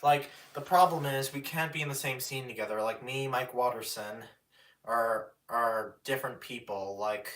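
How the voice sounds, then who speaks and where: A man chatting casually on a live stream, halting and restarting often as he talks about his puppets. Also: medium pitch, a bit bright. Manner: halting, many restarts and fillers. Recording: roomy echo, mic at a distance.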